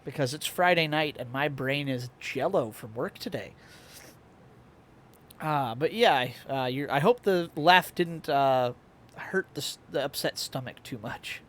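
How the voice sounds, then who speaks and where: A man's voice: fairly high pitch, measured pace, fairly bright tone, a little hiss or hum. A young man chatting casually on a live stream, playful and fond of toying with his voice, with the hiccups. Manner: playful, plays with his voice and octaves.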